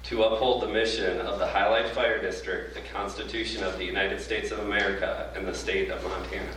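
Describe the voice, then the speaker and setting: Lowish-voiced man leading a public swearing-in. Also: level tone. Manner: reads the oath line by line for others to repeat; halting, with frequent ums and restarts. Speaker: fire district training officer. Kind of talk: formal ceremony address at a public board meeting. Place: large meeting room. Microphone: distant from the microphone. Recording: echoey room recorded from far off, with noise.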